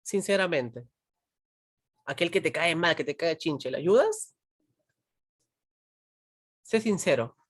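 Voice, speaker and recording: A woman's voice: low voice, animated, slow, pauses often, breathy edge, no echo, studio quality. A woman teaching a philosophy class, constantly checking in with her students, asking them questions and pushing them to answer. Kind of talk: online pre-university class.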